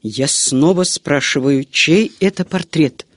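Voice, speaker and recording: A woman's voice: low-pitched, slow, no echo, studio quality. A woman voicing a stern, impatient male monk who makes curt, menacing demands in a gothic audiobook.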